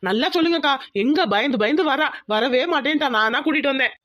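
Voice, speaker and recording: Woman voicing a teasing young husband in a cartoon, fast and raised. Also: high voice, fairly bright tone. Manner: teasing, joking. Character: easygoing young husband, village man.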